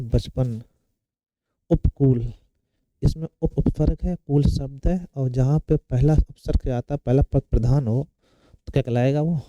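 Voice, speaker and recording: A man's voice: medium pitch, warm tone, no room sound, highs cut off. A male teacher giving an exam-prep Hindi lesson, asking questions and answering them himself, repeating the key words.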